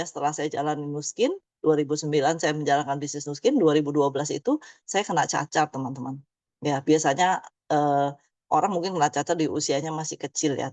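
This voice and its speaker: A woman's voice: sits low, darkish tone, dry recording. A woman in her fifties giving a chatty motivational presentation, tagging many phrases with "ya". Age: 50s. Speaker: business presenter.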